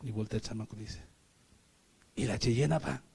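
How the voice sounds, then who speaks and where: A man's voice: mid-range voice, moderate pace, gravelly, darkish tone, husky. A middle-aged man with a Mexican Spanish accent preaching a sermon, emphatic, often asking the congregation rhetorical questions.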